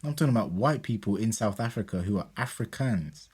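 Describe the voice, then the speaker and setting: A man's voice: fairly low pitch, lively intonation, brisk, a little mellow, slightly rough. A young man co-hosting a podcast, challenging and teasing in a casual debate. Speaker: podcast co-host.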